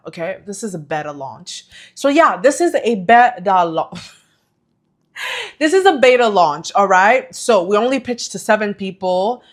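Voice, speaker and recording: Woman vlogger, casual talking-head delivery, lively and self-correcting. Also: medium pitch. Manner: chatty, self-correcting, animated. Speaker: vlogger and coaching business owner.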